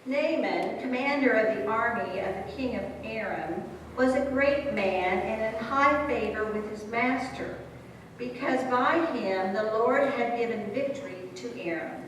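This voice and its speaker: Woman, higher-pitched voice, formal scripture reading, very echoey distant recording. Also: measured pace. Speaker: scripture reader in a church service. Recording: echoey hall from far off, faint noise.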